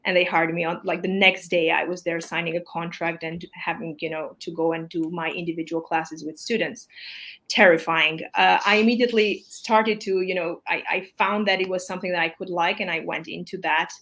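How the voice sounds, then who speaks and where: A woman in her thirties whose first language is Armenian, an English teacher, hosts a casual live chat, chatty, apologetic and heavy with fillers. Her voice is lowish, steady, brisk and a bit bright, and the audio is poor.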